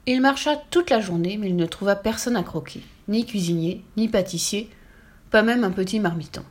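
A woman reading a children's storybook aloud in a lively, expressive way. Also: medium pitch, moderate pace.

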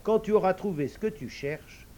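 A man voicing a kindly magic frog in a storybook, speaking gently and reassuringly. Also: sits high, expressive, normal speed, pitched above the performer's own voice.

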